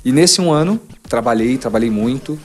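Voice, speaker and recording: A São Paulo-accented man in his forties, appearing as a podcast guest, shares a personal story and casually acts out the conversations he recalls, quoting them animatedly. He talks at a normal speed in a mid-range voice.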